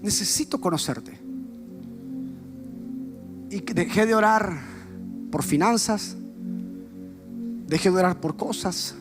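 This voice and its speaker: In a church, a man preaches a sermon passionately and directly, speaking straight to the listener while music plays in the background. His voice is high, his pace a little slow, with long pauses.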